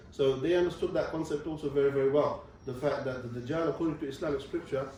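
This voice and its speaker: A man's voice: fairly high pitch, darkish tone, slight background noise. A young man giving a religious lecture to students, explaining step by step and often checking in with "okay.". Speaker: visiting Islamic speaker. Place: university lecture room. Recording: distant mic in a very echoey room.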